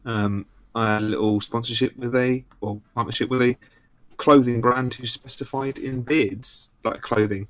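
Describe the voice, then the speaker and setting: A man's voice: mid-range voice, steady tone, moderate pace, fairly bright tone, no echo. A man speaking as a guest over a voice chat, matter-of-fact, his voice sounding robotic through the digital line. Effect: robotic digital distortion from a voice-chat line. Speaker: stream guest. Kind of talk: casual call-in chat.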